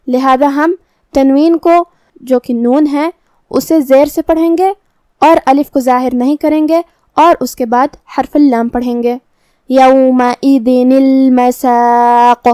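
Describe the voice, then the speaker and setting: A woman with a Pakistani Urdu accent calmly explaining Quran recitation rules step by step in a tajweed lesson. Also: sits high, no room sound.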